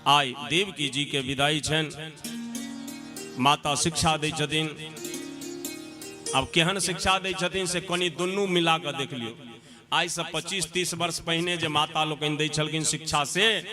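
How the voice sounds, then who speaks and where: A man's voice: a little high, fairly even intonation, unhurried, long pauses. A male preacher with a Maithili accent giving a live devotional sermon, asking the crowd questions and drifting into song. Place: live religious gathering. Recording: music playing behind.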